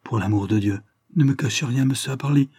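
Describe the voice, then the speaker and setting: A man's voice: medium pitch, brisk, dark tone, husky, no room sound, studio quality, close to an everyday voice. A man voicing an old, loyal male estate steward who talks in an agitated, pleading way. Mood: fretful.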